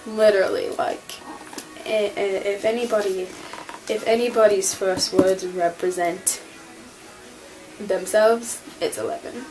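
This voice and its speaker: A woman's voice: medium pitch, steady tone, slow, a little mellow, faint music behind, poor audio. A woman vlogger rambling casually through a fan rant, full of fillers and restarts.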